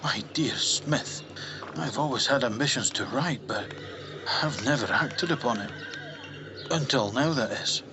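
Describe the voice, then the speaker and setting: A man acting a fussy, hesitant Victorian gentleman doctor with a halting, genteel, stuffy manner in a radio drama. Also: medium pitch, background noise, lightly acted. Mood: pleased.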